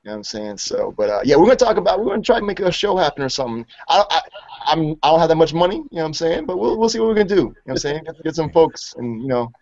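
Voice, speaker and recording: Relaxed joking radio host, man. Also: fairly high pitch, very fast. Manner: relaxed, joking, says "you know what I'm saying" constantly. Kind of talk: casual radio interview. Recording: dull lo-fi radio recording.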